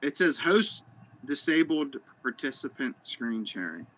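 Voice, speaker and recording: A man's voice: mid-range voice, very animated, unhurried, a bit bright, poor audio. A man bantering casually on a livestream in teasing bro talk. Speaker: podcast co-host. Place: remote group call.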